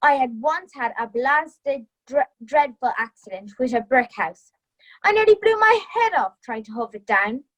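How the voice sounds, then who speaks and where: A woman's voice: high-pitched, lively intonation, moderate pace, a bit bright, dull audio. A woman voicing a grumpy, bullying older male wolf with a menacing, scornful, growling manner in a youth theatre storybook reading. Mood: gruff, boastful.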